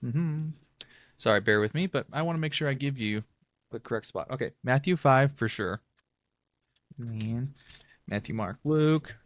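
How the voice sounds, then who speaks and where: A man's voice: mid-range voice, lively intonation, a little slow, pauses often, no room sound. A young man hosting a casual Bible-study podcast, talking in a rambling, chatty, self-deprecating way. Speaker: podcast host.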